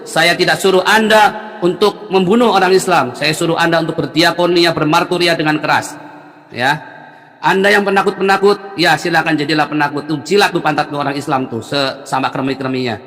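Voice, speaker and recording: A man's voice: a little high, a little fast, big-room sound. A man in his late forties preaching on a live stream, arguing heatedly and hurling insults at a caller. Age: 40s. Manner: shouting, insulting, domineering.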